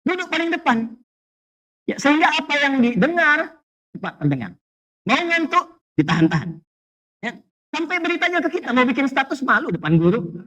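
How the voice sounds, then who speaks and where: A man preaching a lively sermon to a congregation, telling humorous stories, asking rhetorical questions, and weaving in Arabic phrases. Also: very high-pitched, a little fast. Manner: animated storytelling with jokes and rhetorical questions. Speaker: Islamic preacher. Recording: dull lo-fi sound.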